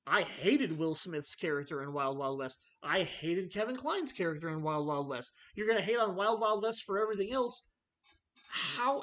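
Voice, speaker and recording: A man's voice: high-pitched, a bit bright. A man hosting a casual movie podcast, ranting animatedly about films he loves and hates. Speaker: podcast host. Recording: slightly dull lo-fi audio.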